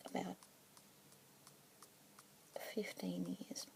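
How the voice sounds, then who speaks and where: Slow, gentle, and breathed in a soft unvoiced whisper, this ASMR roleplay has a young woman acting as a pet adoption consultant. Her lowish voice is creaky and stays monotone.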